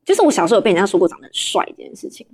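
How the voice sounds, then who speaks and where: A woman's voice: mid-range voice, sing-song, racing, darkish tone, slightly rough. A young adult woman with a Taiwanese Mandarin accent, chatting candidly as a guest in a casual interview. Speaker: interview guest, livestream shopping host.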